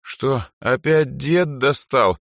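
A sulky, bored teenage girl, as a man reading a storybook puts her on. She drags her words out slowly and flatly, with dry sarcasm. The voice sits close and dry. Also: mid-range voice, no room sound, voice pushed up. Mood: bored, sarcastic. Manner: slow, flat and listless.

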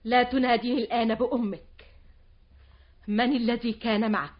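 A woman's voice: on the high side, fairly even intonation, normal speed, lightly acted. A woman playing a stern accusing mother-in-law. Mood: indignant. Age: older. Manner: indignant, accusing, commanding. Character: stern older mother-in-law, suspicious and domineering. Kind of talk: 1960s-era Arabic radio drama acting. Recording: dull lo-fi old radio recording.

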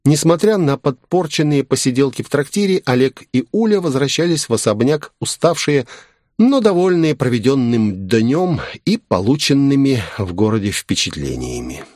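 A man narrating a fantasy novel in a steady, even storytelling manner. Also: mid-range voice, moderate pace, no room sound, clean studio sound. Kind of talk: audiobook narration.

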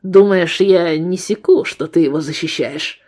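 A woman's voice: fairly low pitch, unhurried, darkish tone. A woman reading the lines of a brutal, threatening male ex-convict gunman in an audiobook, barking coarse threats. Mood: menacing.

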